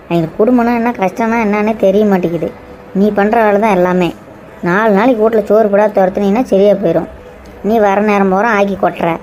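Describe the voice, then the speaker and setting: A woman voicing a bossy, fast-talking village neighbour. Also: medium pitch, mellow, a little hiss or hum, natural voice. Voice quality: scolding, brisk and commanding. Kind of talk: cartoon drama voice acting.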